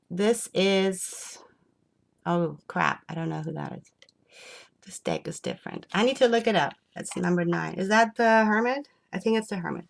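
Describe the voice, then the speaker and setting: A woman giving an enthusiastic spiritual tarot reading, excitable and rambling as she turns the cards. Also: medium pitch, creaky. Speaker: tarot reader.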